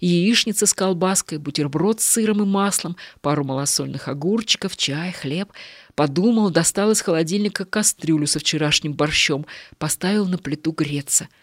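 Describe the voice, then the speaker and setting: A woman reads a short story aloud in a measured, even way. Her voice sits fairly low. The recording is dry and close. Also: no echo. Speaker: narrator. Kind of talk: audiobook reading of a short story.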